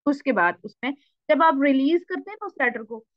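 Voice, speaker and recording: A woman teaching a recitation lesson with a Pakistani Urdu accent, patiently repeating and slowly demonstrating letter sounds. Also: high-pitched, animated, no room sound, highs cut off. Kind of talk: online lesson explaining tajweed.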